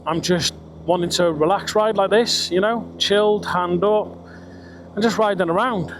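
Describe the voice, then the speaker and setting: A British motorbike vlogger speaks at a moderate pace from inside his helmet, his slightly high, fairly bright voice kept fairly even in intonation. Riding country roads, he rambles in a chatty, sweary way, with engine, wind and road noise clearly behind his enclosed-sounding voice.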